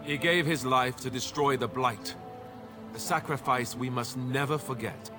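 A man's voice: mid-range voice, a little slow, close to an everyday voice. An actor playing a solemn, newly crowned king in a video game, speaking in formal, kingly public oratory. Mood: solemn, grateful. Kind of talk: scripted video game cutscene speech. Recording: game audio with music behind. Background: music.

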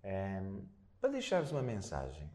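A man's voice: sits low, wildly swooping pitch, a little slow, a little mellow. A man with a European Portuguese accent hosting a casual interview, explaining things through everyday examples and frequent tag questions. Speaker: podcast host.

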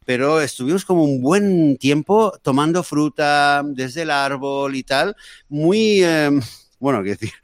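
A man's voice: fairly high pitch, a little slow, no echo, clean studio sound. A man co-hosting a casual podcast chat, a father telling a story with many fillers and restarts. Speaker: podcast co-host; father of daughters.

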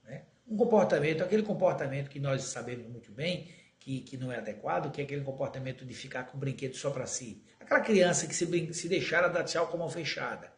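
A man giving an earnest spiritist talk on raising children, often stretching words slowly for emphasis. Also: medium pitch, lively intonation. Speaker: spiritist lecturer. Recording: echoey room.

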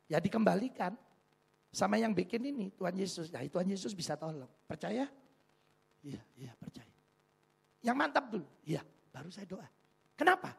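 A man preaching in a high, gravelly voice with a husky edge. He mixes jokes with rhetorical questions to his congregation, building a lively, engaging sermon. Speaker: pastor.

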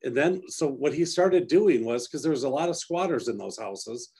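A man, a real estate agent, talking casually on a podcast in a measured way, with short asides. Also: medium pitch, lively intonation, mellow, husky.

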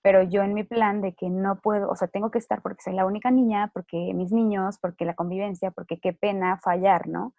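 A woman's voice: mid-range voice, steady tone, a little fast, creaky, hardly any pauses, dark tone, no echo, lo-fi sound. A woman with a Mexican accent telling a personal story in casual chat. She speaks chattily, fills her speech with "o sea" and "¿no?", and acts out what others said.

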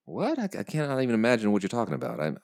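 Man playing a frazzled, stammering low-voiced airline customer. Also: wildly swooping pitch, a little mellow. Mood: panicked, exasperated. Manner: halting, stammering, exasperated. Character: anxious, frazzled divorced male airline passenger at breaking point. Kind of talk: naturalistic comedic drama acting.

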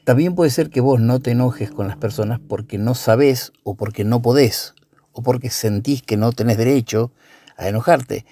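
A man with a Rioplatense Spanish accent, speaking as a father in a measured, thoughtful way with fillers. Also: medium pitch, mellow. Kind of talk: casual reflective conversation.

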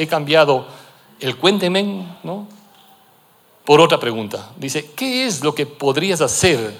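Spanish-speaking preacher, emphatic rising delivery. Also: male voice, on the high side, fairly bright tone. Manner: rhetorical asides, frequent "¿sí?" checks; rises to emphatic preaching at climaxes. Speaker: pastor. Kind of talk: sermon.

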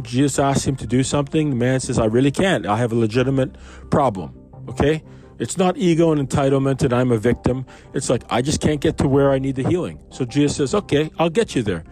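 A Canadian man with a medium-pitched, darkish voice reads a Bible passage aloud, then riffs on it conversationally. He loosely tosses in asides and questions for his listeners.

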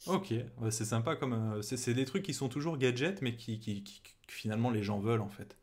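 A man's voice: mid-range voice, brisk, a little mellow. Chatty male interviewer with restarts. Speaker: interviewer, game master. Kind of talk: casual interview chat.

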